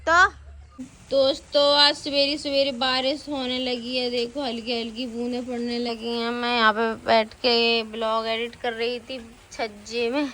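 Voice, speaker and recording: A woman's voice: on the high side, flat delivery, measured pace, pushed and bright, a little hiss or hum. Chatty young woman village vlogger. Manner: chatty, addresses viewers as friends. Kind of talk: casual vlog narration. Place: village home, rooftop and fields, outdoors.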